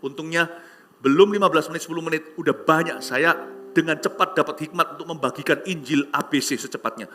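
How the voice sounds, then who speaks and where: A man preaching a sermon, telling stories animatedly and acting out voices with shouts and hushed asides. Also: on the high side, fast talker, a little hiss or hum. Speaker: pastor. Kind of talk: sermon with storytelling.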